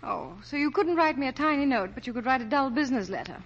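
An actress playing a gravely ill young woman in love, speaking softly and tenderly, in 1940s radio acting. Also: sits high, expressive, quick pace. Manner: soft, tender, breathy at times. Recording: dull 1940s broadcast with music underneath.

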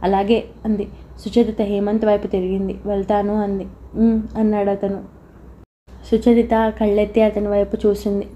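A woman reading a novel aloud as an audiobook narrator, in a steady, even storytelling voice. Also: medium pitch, highs cut off, a little hiss or hum.

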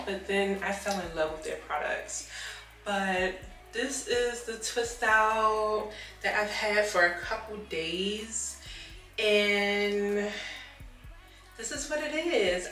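A woman's voice: medium pitch, a bit bright, reverberant, far from the mic. A young woman talking casually to the camera in an upbeat, chatty travel vlog, filmed indoors in a small cabin bathroom. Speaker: vlogger.

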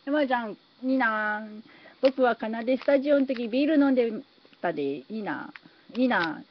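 A woman's voice: on the high side, expressive, normal speed. A woman live-streaming from her phone, chatting casually and thanking viewers for their comments as she builds. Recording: slightly dull phone stream audio, faint noise.

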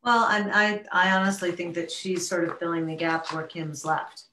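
A woman with a low voice chairs a town board meeting, halting and filling pauses as she goes. Her voice sits in a roomy, echoing space, as heard on a remote video call. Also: steady tone, sharp tone, slight background noise. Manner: halting, with many fillers and restarts. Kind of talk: public meeting discussion.

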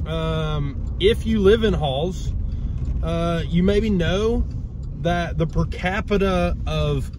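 A man's voice: a little high, slow. A man in his thirties co-hosting a casual, jokey chat from a parked car, filmed on a phone at arm's length. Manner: jokey, upbeat, rambling. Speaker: co-host. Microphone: phone camera at arm's length. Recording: noisy car interior.

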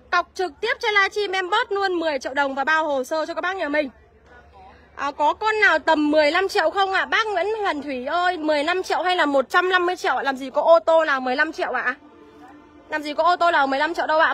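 High, bright saleswoman. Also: no echo. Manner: brisk salesy patter, reads out viewer comments. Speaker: used car seller. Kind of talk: livestream sales pitch.

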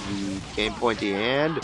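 Slow, low-voiced young man narrating gameplay. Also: background noise. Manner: goofy, bursts of loud exclamations. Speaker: let's play commentator. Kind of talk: gameplay commentary. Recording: game music loud under the voice.

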